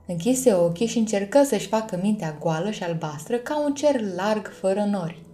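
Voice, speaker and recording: A woman narrating a children's storybook in a calm, gentle reading style. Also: medium pitch, faint music behind. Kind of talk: scripted audiobook narration.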